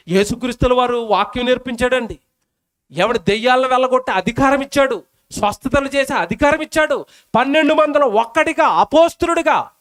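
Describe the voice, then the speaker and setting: High-voiced preacher asking rhetorical questions. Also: male voice, a bit bright. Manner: acts out quoted prayers and scripture dramatically. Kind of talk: Telugu public-meeting sermon. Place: outdoor public meeting.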